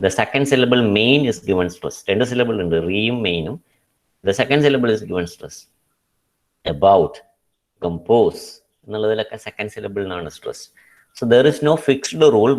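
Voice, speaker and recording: Man, middle-aged, Malayali English accent, English teacher, very slow lecture delivery, somewhat low voice. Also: poor audio. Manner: switches between English and Malayalam, explaining step by step with restarts.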